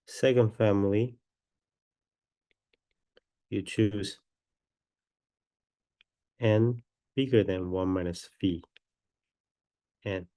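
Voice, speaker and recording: A man lecturing on a mathematical proof step by step, with a stuffy nose from a cold and a halting, deliberate delivery. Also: fairly low pitch, dark tone.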